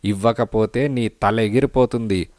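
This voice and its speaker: A threatening bandit from a cartoon story yells his orders and warnings, as a male narrator acts him out. The voice stays low under the shouting, and the recording is dry and close. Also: fairly even intonation, unhurried, dry recording, natural voice. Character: menacing male forest bandit, loud and threatening. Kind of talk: storybook character voice.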